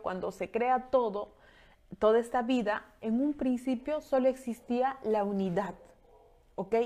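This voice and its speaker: A young woman speaks to her live-stream audience in a relaxed, reflective manner. She often pauses on little fillers. Her voice sounds warm and mellow. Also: on the high side. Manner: conversational and reflective, with many fillers. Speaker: speaker talking to live viewers.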